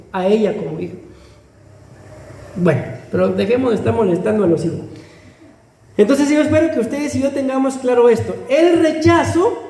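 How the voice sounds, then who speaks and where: Guatemalan pastor preaching, chatty, keeps saying brother, soft little laughs, echoey church hall. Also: male voice, very high voice. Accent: Guatemalan Spanish. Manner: conversational preaching, often adds "hermano", laughs lightly between phrases. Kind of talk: sermon.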